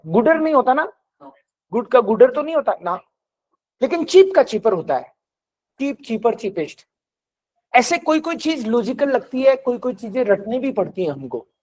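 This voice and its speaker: A man's voice: extremely high pitch, a little mellow, low-quality recording. A man teaching a German class, patiently explaining grammar and mixing in English words. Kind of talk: classroom lecture.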